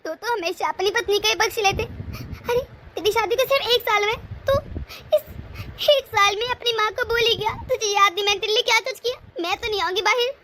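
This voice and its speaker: A woman voicing a stubborn, resentful mother-in-law who sulks and accuses in an animated family drama. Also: very high-pitched, fairly quick, slight background noise. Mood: sulking. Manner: sulky, accusing.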